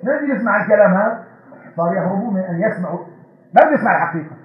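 Preacher guy going hard, fast high voice, big echoey dull mosque sound. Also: lively intonation. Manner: impassioned, rising to shouting repetitions. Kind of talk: fiery Friday sermon.

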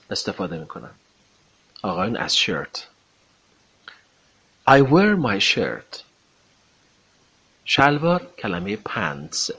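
A man with a husky, slightly low voice teaches English phrases. He says each sentence slowly with lively rises in pitch, then explains it quickly. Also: rough recording. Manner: slow, emphatic English model sentences, brisk explanations. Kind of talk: language lesson for Persian speakers.

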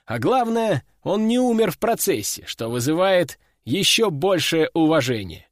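A man reads a first-person story aloud in a lively, expressive way. His voice sits a little high and moves animatedly through each sentence. The recording is close and dry. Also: unhurried, no room sound. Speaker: narrator. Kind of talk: first-person audiobook narration.

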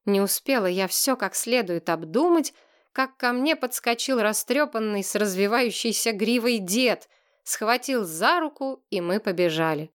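A woman narrating a children's story in the first person, lively and expressive. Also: mid-range voice, unhurried. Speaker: audiobook narrator.

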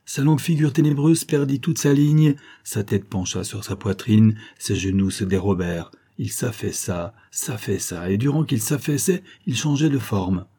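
A man narrating a novel as an audiobook, in measured, dramatic storytelling. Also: fairly low pitch, warm tone, slightly rough.

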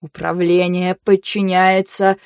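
A woman reading the part of a stern, condescending young man who lives by the rules, speaking slowly and low. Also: flat delivery, smooth, no echo, clean studio sound.

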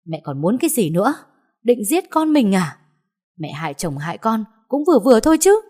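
A woman doing a shrill, accusing daughter-in-law. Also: very animated, fairly quick, mellow. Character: sharp-tongued young daughter-in-law.

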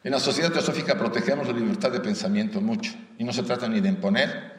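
A man's voice: mid-range voice, fast. Mexican man lecturing in an echoing hall. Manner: conversational, often asks the audience rhetorical questions; light humor mixed into the teaching. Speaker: lecturer at a theosophical society. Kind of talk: spiritual lecture to a live audience. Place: lecture room with an audience. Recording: roomy hall echo, voice from far off.

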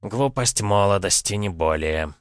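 A haughty falcon god, as a man acts him out, slow and deep, condescending in every word. Dry, close audiobook sound. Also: lively intonation, no echo. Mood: curt.

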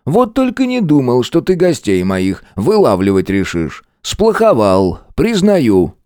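A man's voice: medium pitch, huge pitch swings, a little slow, warm tone, clear, resonant tone, dry recording, studio quality, pitched above the performer's own voice. A man voicing a mocking old professor and former officer in an audiobook. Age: older. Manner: mocking and teasing.

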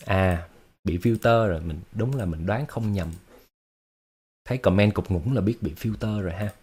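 A man's voice: fairly low pitch, normal speed, a little mellow, breathy edge. A man hosting a casual livestream, talking to his viewers in an explanatory way, with lots of fillers and repeated words. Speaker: livestream host.

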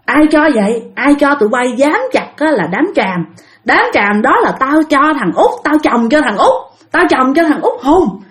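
Picture a grandmother's ghost speaking through an old woman, scolding and accusing with a lilt, voiced by a woman narrating the tale. The voice sits high and swings widely as it repeats its complaint. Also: animated, normal speed. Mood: angry scolding.

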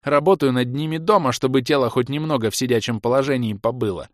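A sharp-tongued young baroness from an audiobook fantasy tale, proud and grumbling, with a sarcastic edge to her words, as a male narrator reads her. The sound is dry and close, with no room around it. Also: mid-range voice, fast talker, dry recording, natural voice.

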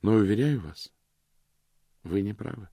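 A cold, unyielding woman speaks in cutting, mocking tones, as a man reading a storybook plays her. His gravelly voice is only lightly lifted, and the recording is dry and close. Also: fairly low pitch, lively intonation, unhurried, dark tone, no room sound, exaggerated voice.

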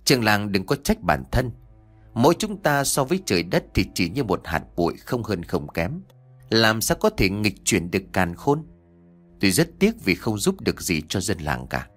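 Man doing a gracious old traveler, calm, measured, formal, faint music. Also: on the low side. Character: older male traveler, calm, gracious, wise.

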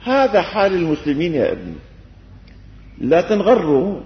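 An older Syrian sheikh with a Damascene Arabic accent gives a homely Quran commentary lesson, sprinkled with rhetorical questions and gentle, teasing humor. His voice is high for a man, very animated and at normal speed. The dull, lo-fi old tape carries the echo of a long hall.

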